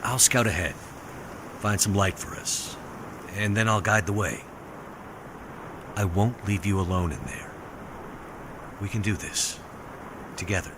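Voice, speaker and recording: An actor voicing a steady, protective adult man survivor in a video game, speaking in a calm, reassuring way. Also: on the low side, measured pace, pauses often. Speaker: game character. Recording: game audio with loud wind ambience.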